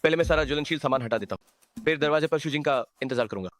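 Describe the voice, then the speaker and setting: Guy doing worn-out young hero trapped in a time loop, fairly high voice, music faint behind. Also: quick pace, lightly acted. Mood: weary scheming. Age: young adult. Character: young male worker stuck in a time loop, weary and determined. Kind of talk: dubbed drama dialogue.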